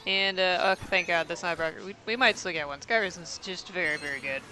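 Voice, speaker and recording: A man's voice: high-pitched, fairly quick, bright, forceful tone, a little hiss or hum, rough recording. A man giving casual, rambling play-by-play commentary on a fighting game tournament, thinking aloud and poking fun at himself.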